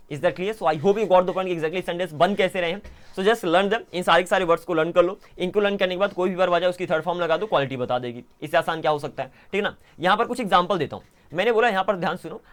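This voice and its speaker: A man with a Hindi accent teaching English grammar in a patient, explaining style, often checking that students follow. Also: a little high. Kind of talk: online grammar lesson.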